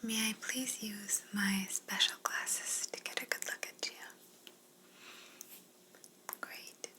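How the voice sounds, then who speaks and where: In an ASMR roleplay, a woman voices a polite, curious alien examiner, whispering softly and breathily at a steady mid-range pitch. Her delivery is slow, clinical and courteous, with a soothing, reassuring mood.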